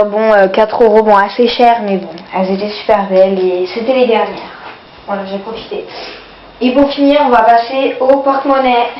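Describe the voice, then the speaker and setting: Medium-pitched and stuffed up with a cold and runny nose, she chats casually about the items she got on sale. Her talk is hesitant and packed with fillers, with "voilà" coming up constantly. The home video is lo-fi, dull, distant and echoey, with a little hiss or hum.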